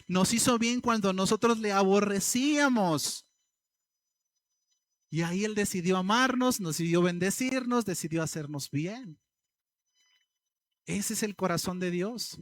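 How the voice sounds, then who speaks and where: High-voiced preaching pastor. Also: male voice. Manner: preaching with rhetorical questions, addressing the congregation. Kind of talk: sermon.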